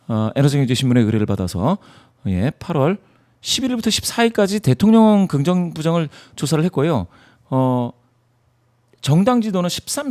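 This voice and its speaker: A man whose voice is a little high and darkish in tone explains poll data forcefully as a guest analyst in a studio interview. Along the way, he throws rhetorical questions at himself.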